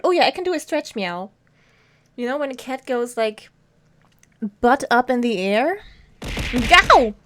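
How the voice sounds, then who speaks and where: A woman streaming a video game, chatting casually with viewers, giggling often and talking to her cat. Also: sits high. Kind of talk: casual live-stream chat while gaming.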